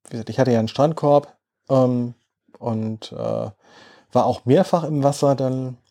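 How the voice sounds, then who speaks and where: A man in his forties, chatting away about a trip. His voice is mellow and dark, and he wanders through the story with plenty of fillers and restarts. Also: medium pitch, a little slow, creaky. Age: 40s. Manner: rambling, lots of fillers and restarts. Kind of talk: casual chat, telling a holiday story.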